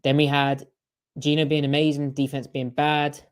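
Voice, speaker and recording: A man's voice: on the high side, completely flat delivery, moderate pace, clear, resonant tone. A man co-hosting a podcast in casual sports chat, talking in a chatty way with strings of rhetorical questions. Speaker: podcast co-host.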